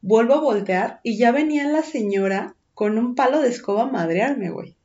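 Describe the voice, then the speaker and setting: A woman with a Mexican accent tells a personal story in casual chat, animated and full of slang and swearing. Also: a little high, moderate pace, muffled recording.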